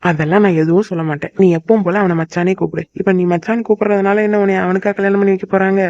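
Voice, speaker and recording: A man's voice: high-pitched, fairly even intonation, very fast, a little mellow, dry recording, lightly acted. A man voicing a possessive but tender young boyfriend in a cartoon. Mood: affectionate. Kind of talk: cartoon voice acting. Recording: dull lo-fi dry recording.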